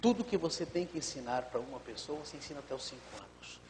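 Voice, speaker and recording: A pastor speaks calmly and explains things on live TV studio talk, often letting his sentences fade softly. His voice is mid-pitched for a man and he talks fast, with a long reverb tail and faint hiss from the studio.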